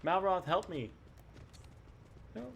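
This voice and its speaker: A game streamer chatting casually through play in a middle-pitched voice that moves around a lot. Faint noise sits behind the commentary. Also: expressive, slow pace, a bit bright. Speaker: gaming streamer.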